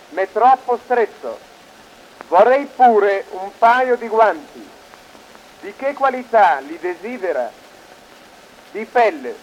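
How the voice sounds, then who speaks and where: Slow, high-voiced man drilling phrases. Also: lo-fi sound. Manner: slow, deliberate, clearly enunciated drills. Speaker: language teacher. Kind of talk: slow recorded language lesson.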